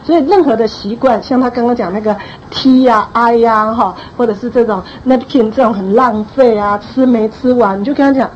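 A woman's voice: a little high, fairly quick, hardly any pauses, a little hiss or hum. A woman pastor advising a church group on raising children, speaking firmly and repeating her key points for emphasis. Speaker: pastor giving parenting advice. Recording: dull lo-fi recording, faint ambience.

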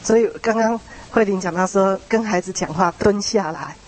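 A woman's voice: medium pitch, moderate pace, a little mellow, rough recording. A woman leading a church small group, summing up what others said and inviting more sharing. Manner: summarizing, encouraging others to speak.

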